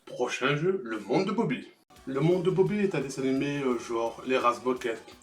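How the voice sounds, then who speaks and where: Over background music in an echoey room, a retro video game review show host reads comedic scripted narration, foul-mouthed and sarcastic. His voice is medium in pitch and his pace moderate.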